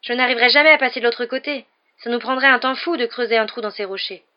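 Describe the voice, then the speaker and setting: Scared schoolboy wizard, reader putting him on, high and strained, muffled lo-fi audio. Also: quick pace, close to an everyday voice. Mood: urgent. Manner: urgent, raised voice. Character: frightened loyal schoolboy wizard. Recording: dull lo-fi audio.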